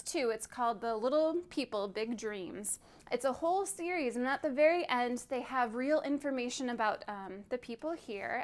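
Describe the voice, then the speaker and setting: A woman with a fairly high-pitched voice leads a virtual library storytime, telling children a story in a gentle, clear manner and inviting them to count along.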